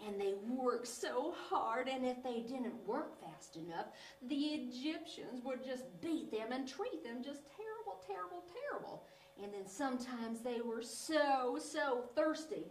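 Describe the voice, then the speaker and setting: A woman's voice: sits high, animated, measured pace, few pauses. A woman playing a clown, telling a Bible story to children in an exaggerated, sing-song way. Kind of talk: animated children's lesson. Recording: echoey room, from a distance, faint noise.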